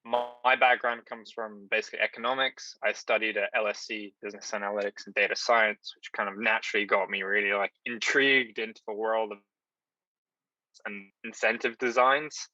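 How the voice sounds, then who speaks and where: A man's voice: on the low side, flat delivery, fairly quick, pushed and bright, dry recording, lo-fi sound. A startup founder in a casual interview whose remote-call audio breaks up and drops out over a bad connection. He talks loosely and hesitates, repeating words. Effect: choppy audio breaking up over a bad connection. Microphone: remote video call.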